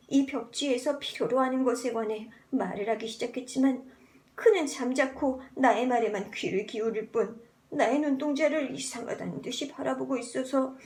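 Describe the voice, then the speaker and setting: A woman's voice: on the high side, a little mellow. A woman reading a novel aloud as an amateur narrator, theatrically, practicing an altered voice. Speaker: amateur audiobook reader practicing voice changes. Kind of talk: expressive literary narration, voice-acting practice.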